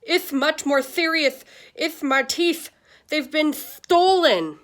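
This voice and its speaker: A woman's voice: high-pitched, slow, voice pushed up. A woman voicing a distraught, indignant old grandfather with toothless, mumbly speech in a dramatic storybook read-aloud. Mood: indignant, moaning. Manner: loud, dramatic, suspicious. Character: distraught old grandfather missing his false teeth, indignant.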